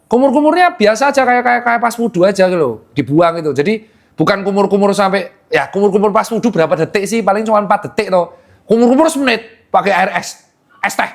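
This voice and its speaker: Young male doctor host, high voice, chatty and teasing while explaining health tips. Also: animated, vocal fry. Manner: joking, teasing, explains with quick asides. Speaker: doctor hosting a health talk. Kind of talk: casual health Q&A chat.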